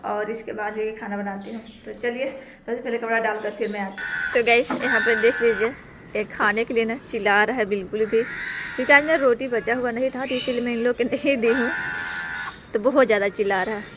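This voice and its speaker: A woman's voice: on the high side, fairly even intonation, brisk, background noise. A young woman from India narrating her daily routine vlog as a voice-over in a chatty, rambling way, stringing thoughts together with "because" and "na". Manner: chatty, rambling, repeats "kyunki" and "na"; speaks as a voice-over, not to camera. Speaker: vlogger.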